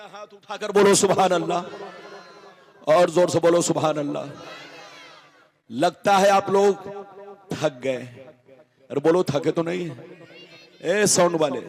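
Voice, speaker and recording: A man with a Bihari Hindi accent preaching a sermon to a gathering over a sound system, calling on the crowd to answer aloud and chanting some lines in a drawn-out melodic way. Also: high voice.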